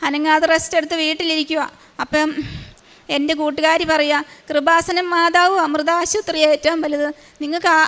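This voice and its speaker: A middle-aged woman tells her story in a high voice that stays level, without much rise and fall. She pauses often and fills the gaps with small sounds as she works through each part. It is an unpolished spoken testimony. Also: fairly bright tone. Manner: slow, halting retelling with frequent fillers. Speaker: testimony giver at a shrine.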